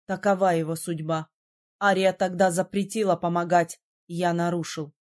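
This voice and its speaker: Woman voicing a stern young male prince mage, gruff and grave, audiobook. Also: lowish voice, little pitch movement, moderate pace, darkish tone, pitched below the performer's own voice, lightly acted.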